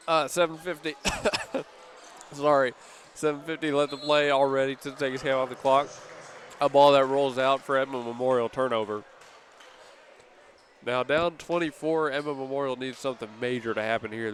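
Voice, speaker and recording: A man doing casual play-by-play commentary on a high school basketball game for a local radio stream, with easy asides between plays. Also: slight background noise. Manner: steady play-by-play, casual asides and quick self-corrections. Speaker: play-by-play announcer.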